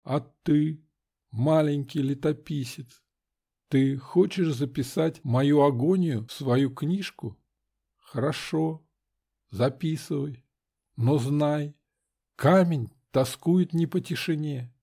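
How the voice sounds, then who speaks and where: A man voicing an ancient stone spirit that speaks through an entranced woman, in a hollow, slow and foreboding way. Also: on the high side, gravelly, warm tone, husky, full character voice. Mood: ominous.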